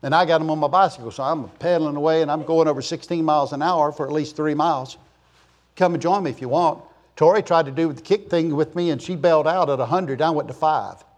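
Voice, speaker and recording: A man in his sixties gives a rambling, folksy sermon in a church, joking and telling stories with chatty asides to the congregation. His voice is on the high side, fast, and a little mellow.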